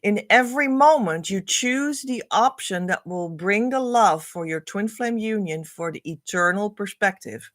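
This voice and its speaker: On a livestream, a woman whose first language is Dutch coaches viewers on spiritual values in Dutch-accented English. Mid-range and animated, she goes a little slowly with hardly any pauses, earnest, repetitive and flowing, letting phrase endings fade softly. The sound is clean, dry and studio-grade.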